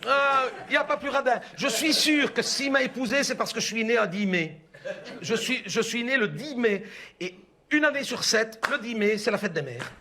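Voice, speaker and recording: A man's voice: very high voice, lively intonation, moderate pace, crowd noise. A man performing a chatty, gossiping middle-aged mother with a Belgian French accent, in a rambling stand-up monologue. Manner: rambling, gossipy, confiding, full of "hein" and "écoute bien". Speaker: stand-up comedian in character.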